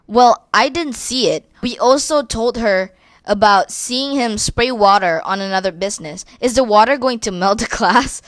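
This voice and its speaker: A woman's voice: medium pitch, fairly bright tone, no room sound. A woman reading online advice posts aloud and giving blunt opinions, swearing casually. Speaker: reddit story commentator.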